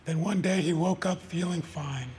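A man reading his short stories aloud at a live event, in an even, deliberate storytelling manner. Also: on the high side, a little hiss or hum. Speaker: author. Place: live reading before an audience.

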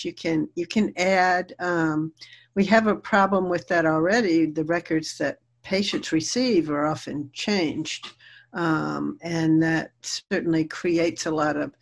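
Older husky woman panelist, raspy edge, firm delivery over call. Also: deep voice. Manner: firm, opinionated. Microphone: video call.

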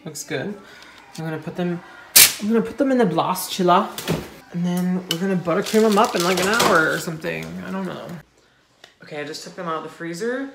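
This young baking vlogger, in his 20s, talks fairly quickly in a high, creaky voice and giggles as he chats to the camera mid-bake. The recording picks up kitchen echo along with clicks and background noise.

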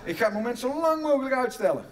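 A middle-aged man doing a stand-up comedy routine on a theatre stage, stammering through restarts and breaking into loud bursts of mock outrage. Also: very high-pitched, big pitch swings, fast talker, far from the mic, heavy background noise.

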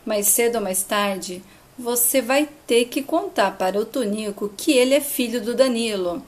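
A woman's voice: fairly high pitch, moderate pace, lightly acted. A woman putting on a grave advising confidante.

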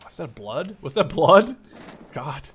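A young gaming channel host speaks slowly in a slightly high voice with big pitch swings, a little hiss or hum on the recording. He rambles casually over his own gameplay, swearing at surprises, as in-game gunfire and artillery sound in the background.

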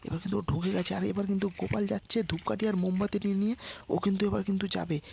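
A man vlogs on a dark street at night, talking quickly and keeping his voice low as he creeps along. His voice sits a little high, and he speaks into a handheld phone. Faint crickets and insects chirp behind him. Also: level tone, vocal fry, a little hiss or hum. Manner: speaking quietly in a hushed voice while sneaking near a house. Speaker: vlogger. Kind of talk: casual vlog narration.

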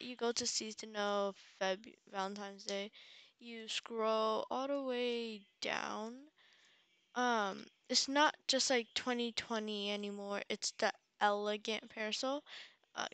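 A woman's voice: on the high side, clear, resonant tone, no room sound. Sleepy, giggly young woman gaming vlogger. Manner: chatty, giggly, easily excited. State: tired, just woke up. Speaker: gaming channel host. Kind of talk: casual gameplay commentary.

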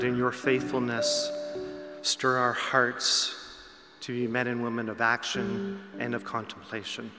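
A man prays steadily at a pulpit microphone, keeping his voice level and even. His words ring through a roomy chapel with a long reverb tail, while guitar plays clearly underneath. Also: mid-range voice. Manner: measured, solemn. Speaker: prayer leader. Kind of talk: spoken congregational prayer. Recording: echoey chapel hall with loud guitar.

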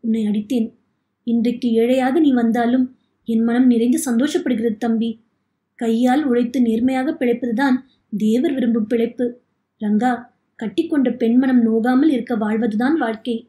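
A forgiving elderly uncle gently consoles and counsels, as a woman reads him aloud. The voice is high and soft-edged. An echoey room surrounds it. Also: steady tone, normal speed, natural voice. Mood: earnest.

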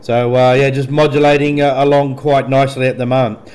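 An Australian man working as a radio operator, chatting casually and amiably in radio procedure talk, with hesitant pauses. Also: medium pitch, flat delivery, darkish tone, smooth, low-quality recording. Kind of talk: radio contact chat with spelled-out call signs. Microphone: dual-element studio desk microphone at a radio set.

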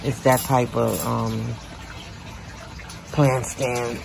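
With an extremely low, creaky voice and drawn-out words, a woman leads viewers on a chatty tour of her garden and backyard patio. The home renovation vlogger films outdoors on a handheld phone, talking straight to her audience with lively exclamations amid outdoor ambient noise.

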